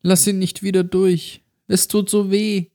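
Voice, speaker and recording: A man's voice: high-pitched, level tone, measured pace, darkish tone, pitched above the performer's own voice. A man voicing a tortured little girl in a horror story, speaking in a raised, thin voice that turns bitter and accusing. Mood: weak. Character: mutilated little girl, weak then enraged.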